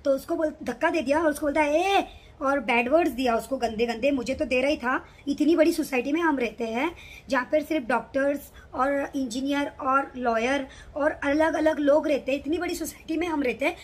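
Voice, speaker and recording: A woman's voice: high-pitched, a little fast. A middle-aged woman vlogger telling an agitated personal story to the camera. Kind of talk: emotional personal account to camera.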